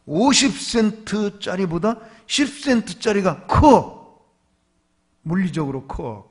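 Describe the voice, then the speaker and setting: Husky, animated male revival preacher. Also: high-pitched. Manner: animated storytelling, asks the congregation questions. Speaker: pastor. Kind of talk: revival sermon.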